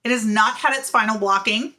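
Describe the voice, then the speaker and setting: A middle school teacher in her forties, who hosts a knitting podcast, talks fairly quickly and directly to the camera about her knitting. She's chatty and giggly, her bright, fairly high voice breaking into laughs among lots of "um"s and "like"s.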